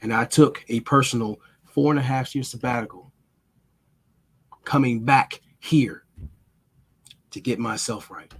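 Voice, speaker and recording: A man vlogging in a casual storytelling monologue, blunt and profane, with dramatic pauses. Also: medium pitch, fairly even intonation, breathy edge.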